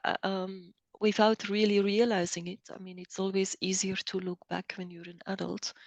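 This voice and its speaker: A middle-aged woman from Belgium, speaking as an interview guest, thoughtful and hesitant with many pauses and restarts. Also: medium pitch, little pitch movement, no room sound, muffled recording. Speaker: guest, coach. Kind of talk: interview conversation.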